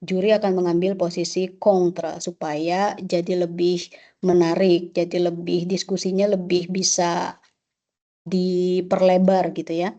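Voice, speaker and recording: A woman's voice: lowish voice, little pitch movement, measured pace, mellow, highs cut off. A woman teaching a webinar lecture as an exam instructor, often checking in with "oke?" and mixing French terms into her explanations.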